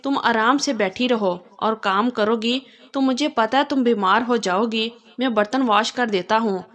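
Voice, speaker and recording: A woman's voice: fairly high pitch, normal speed, a bit bright, lightly acted. Woman doing a fond teasing young husband. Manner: fond and playful.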